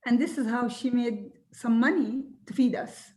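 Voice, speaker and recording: An older woman from Jordan, a native Arabic speaker, telling her life story slowly and earnestly, with soft laughs now and then. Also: on the high side. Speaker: guest speaker. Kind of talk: recorded video conversation.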